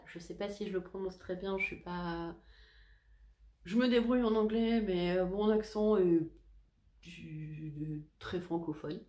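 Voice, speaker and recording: A woman's voice: medium pitch, darkish tone. A woman hosting a knitting podcast, talking casually to camera in a chatty, hesitant and self-deprecating way. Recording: echoey room.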